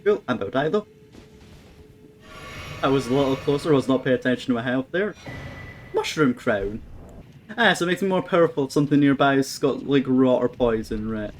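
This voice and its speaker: A man's voice: mid-range voice, animated, a little fast, long pauses, faint music behind. A man giving casual let's-play commentary, thinking aloud and swearing at the game with wry humour. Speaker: gameplay commentator. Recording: faint background noise.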